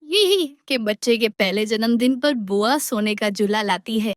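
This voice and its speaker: A woman's voice: fairly high pitch, animated, measured pace, no room sound, clean studio sound. A woman voicing a clever young daughter-in-law in a cartoon, pleading at times and sly at others. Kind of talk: cartoon voice acting.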